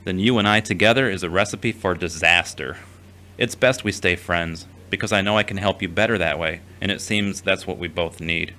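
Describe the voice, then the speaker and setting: Acting in an audio drama, a man with a low-sitting voice plays a gentle, earnest, emotionally fragile young man. He speaks in a measured, reassuring way.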